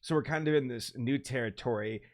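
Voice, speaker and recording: A man co-hosting a casual podcast chat, excitable and laughing often, talking into a desk microphone. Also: medium pitch, brisk. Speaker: podcast co-host. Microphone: webcam and desk microphone.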